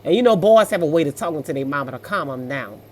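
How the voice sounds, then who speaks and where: Here the host of a story-reaction show, a middle-aged woman, speaks in a low, expressive, darkish voice and talks fast. She reads stories and responds casually, with sass and motherly warmth, in colloquial language, addressing the listener as "baby."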